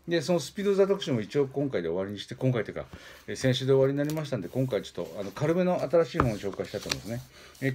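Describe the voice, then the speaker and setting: A man hosting a weekly book-introduction stream, rambling casually with frequent filler pauses and self-corrections. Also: medium pitch, mellow. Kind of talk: casual spoken book review.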